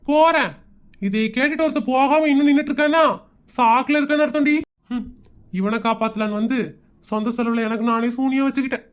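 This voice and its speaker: A woman's voice: sits high, steady tone, fairly quick, close to an everyday voice. A woman voicing an exasperated village father in a cartoon comedy, scolding in a rural Tamil Nadu accent.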